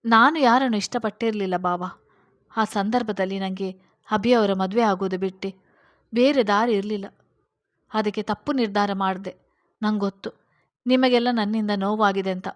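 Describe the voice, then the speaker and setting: A woman's voice: mid-range voice, steady tone, normal speed, pauses often, close to an everyday voice. A woman voicing a young woman, tearful and earnest, in a read-aloud storybook. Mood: remorseful. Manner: pleading, emotional.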